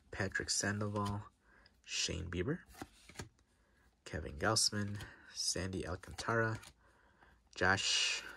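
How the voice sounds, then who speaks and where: Deep and gravelly yet bright, with a forceful, breathy delivery, this middle-aged card-opening vlogger talks through a stuffy nose as he rips packs at his desk. Behind him is a wall of card boxes; he reads off names and sometimes lowers his voice nearly to a whisper.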